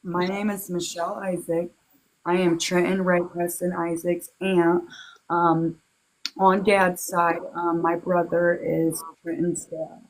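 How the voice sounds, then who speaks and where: Female interview guest, slightly low voice, casual and heartfelt, speaking in halting phrases. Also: level tone, slight background noise, rough recording. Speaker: interview guest, victim's relative. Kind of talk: casual personal recollection.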